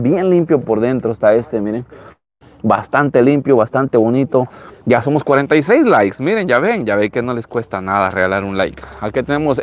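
Latin american spanish guy in his 30s, chatty live vlog outside on his phone, repeats himself a lot, medium pitch. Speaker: live-stream host. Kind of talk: casual live vlog commentary, showing used cars. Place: outdoors in an open car lot. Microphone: handheld phone at arm's length.

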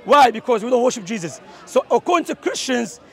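High-pitched, rapid-fire Algerian man preaching outdoors. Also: sing-song, breathy edge, some chatter behind. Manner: forceful, mixing English with Arabic quotes. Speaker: street preacher. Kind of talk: street debate. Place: outdoors at a public speaking corner.

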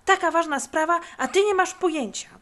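A woman's voice: a little high, lively intonation, normal speed, a bit bright. A woman voicing an eager, bossy boy detective who questions insistently.

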